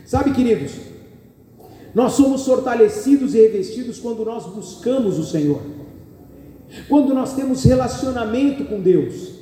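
Brazilian male pastor, high-pitched and warm, sermon with jokes and call-and-response, roomy hall sound from a distance. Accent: Brazilian Portuguese. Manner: preaching with audience call-and-response, joking asides. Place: church hall. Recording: echoey hall, picked up from far.

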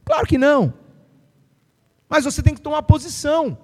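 Brief: middle-aged pastor, very high voice, emphatic sermon, big hall reverb. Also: male voice, expressive, moderate pace, darkish tone. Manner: fiery, emphatic declarations with acted-out quotes.

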